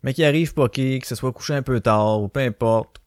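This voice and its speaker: A man's voice: mid-range voice, a little fast, no room sound, clean studio sound. A man with a Québécois French accent hosting a casual solo podcast, telling stories in a profane, ranting way. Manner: swearing, ranting storyteller who acts out quotes. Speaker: podcast host.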